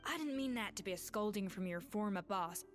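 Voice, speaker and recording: An actress playing a self-assured young woman head chef in a video game, measured, firm and slightly wry. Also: mid-range voice, lively intonation, faint music behind, lightly acted. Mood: resigned, calm.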